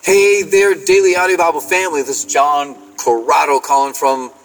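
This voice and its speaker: A man from Massachusetts calling in from his car over a phone line, leaving an earnest, uplifting message with halting fillers. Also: on the high side, level tone. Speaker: caller. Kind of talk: encouraging call-in message. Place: inside a car. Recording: distant phone line with music under it.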